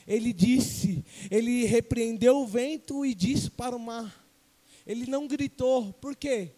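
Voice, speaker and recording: A man from Brazil preaching a sermon as an evangelist, swinging from loud to hushed and questioning the congregation. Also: very high voice, unhurried. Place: church sanctuary. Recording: long church reverb.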